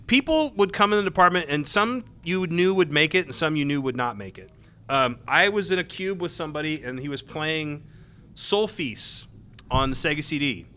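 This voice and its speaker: A man's voice: high-pitched, animated, normal speed, pushed and bright. A middle-aged man, a former game tester, telling rambling anecdotes full of fillers at a convention panel. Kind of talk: casual panel storytelling.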